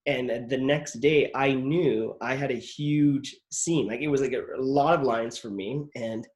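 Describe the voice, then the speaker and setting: Darkish in tone and medium in pitch, this man talks without hurry. He's an actor and podcast host on a casual interview show, recounting acting stories in a rambling style packed with "like" and restarts.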